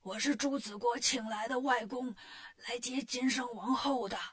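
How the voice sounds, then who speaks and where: A woman's voice: sits high, animated, a little fast, fairly bright tone. A woman voicing a boastful, cheeky male monkey king hero in a storybook tale, teasing and playful. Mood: cocky. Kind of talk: storybook character voice.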